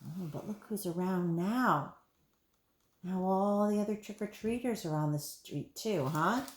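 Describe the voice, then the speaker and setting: A woman's voice: mid-range voice, a little slow. A woman, a preschool teacher, reading a picture book aloud to children and asking them questions. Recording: roomy room echo.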